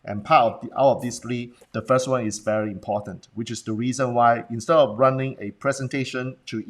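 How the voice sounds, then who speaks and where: A man with a Hong Kong accent coaching viewers on a livestream in a blunt manner, often putting questions to them and checking in. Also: medium pitch. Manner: rhetorical questions and check-ins with the audience. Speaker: business presentation coach. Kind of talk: Facebook Live talk, coaching viewers.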